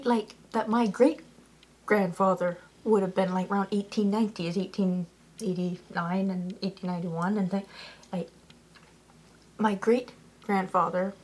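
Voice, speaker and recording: A woman vlogs in a chatty, rambling way, her mid-range voice slightly mellow. She fills her talk with "like" and keeps correcting herself mid-sentence.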